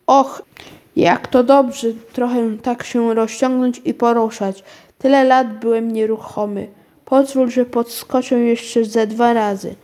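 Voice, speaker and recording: A woman reading aloud, voicing a tiny male magic bead with a soft, silvery little voice that turns solemn and urgent. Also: on the high side, fairly even intonation, slow. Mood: playful.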